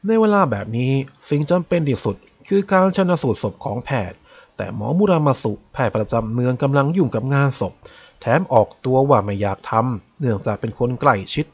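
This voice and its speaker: A man calmly narrating a novel as a bedtime story. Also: medium pitch, slightly rough. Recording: dull lo-fi recording.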